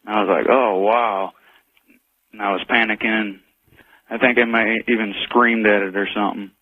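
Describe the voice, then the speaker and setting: A man calling in to a radio show, telling an eerie encounter in a halting, plain way over a phone line. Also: lowish voice, fairly even intonation, dry recording. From United States. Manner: halting, plain storytelling with pauses. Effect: phone line call-in audio. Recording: dry tinny phone line.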